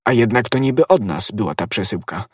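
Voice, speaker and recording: A man's voice: on the low side, animated, brisk, husky, no room sound, studio quality. A man voicing a young, hot-blooded musketeer who speaks urgently and emphatically. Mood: earnest.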